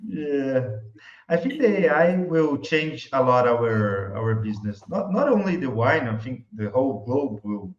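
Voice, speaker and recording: This native Portuguese speaker from Brazil has a medium-pitched, very animated voice and a Brazilian Portuguese accent. Chatting casually as an interview guest, the wine YouTuber hunts for English words, speaking haltingly and chuckling a lot. The audio sounds muffled and echoey, as if in a reverberant room.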